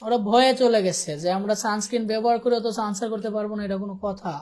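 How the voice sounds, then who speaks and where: Young Bangladeshi man, online class teacher, rapid and conversational, playful with students. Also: high voice, steady tone, darkish tone. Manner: chatty, teasing students, keeps asking "okay?". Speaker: ICT teacher. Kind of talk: live online class lecture.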